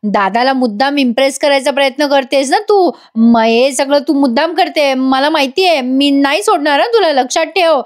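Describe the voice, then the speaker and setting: A woman's voice: sits high, normal speed, hardly any pauses, natural voice. A woman voicing a jealous young woman who taunts and scolds sarcastically. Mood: threatening.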